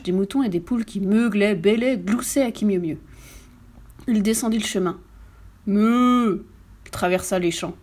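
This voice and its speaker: Storyteller: a woman with a mid-pitched voice, reading a children's tale aloud, expressive and lively. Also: slightly rough. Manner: expressive, animated storytelling with voiced animal sounds.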